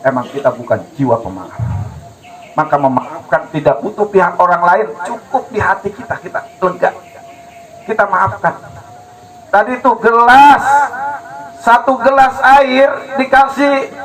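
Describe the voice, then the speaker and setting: A man preaching a humorous, animated sermon to a gathering, acting out dialogues and asking the audience questions. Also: sits high, a little slow, long pauses, low-quality recording. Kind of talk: lively religious sermon. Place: gathering hall with live audience.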